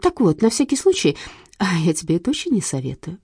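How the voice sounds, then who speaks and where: A woman's voice: lowish voice, wildly swooping pitch, quick pace, darkish tone, slightly rough, dry recording, clean studio sound, full character voice. A woman voicing a scheming widow who talks in a sweet, mocking purr. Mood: sweetly menacing. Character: scheming purring widow, middle-aged woman.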